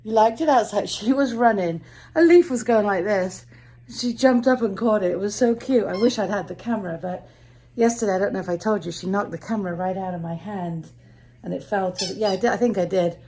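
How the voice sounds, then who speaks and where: A woman's voice: medium pitch, brisk, a little mellow. A woman chatting casually to her viewers in a daily vlog, talking to them directly. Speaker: vlogger.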